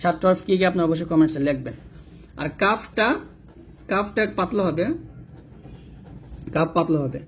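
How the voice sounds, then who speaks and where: A man teaching Quran letter pronunciation, slowly drilling syllables and patiently repeating each point. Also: on the high side, a little hiss or hum. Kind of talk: slow instructional explanation with drilled letter sounds.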